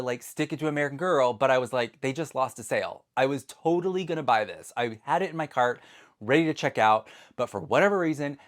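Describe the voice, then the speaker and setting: A man chatting casually to his viewers in a vlog, excitable and full of asides, recorded on a phone at home. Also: medium pitch. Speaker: doll collector vlogger. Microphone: phone camera.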